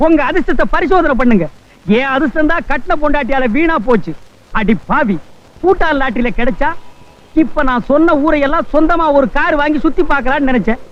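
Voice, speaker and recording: A man's voice: very high voice, slight background noise. An actor playing a broke, bitter man selling lottery tickets, scolding and mocking everyone around him. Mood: hawking. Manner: scolding, sharp-tongued, mocking. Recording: dull lo-fi film soundtrack.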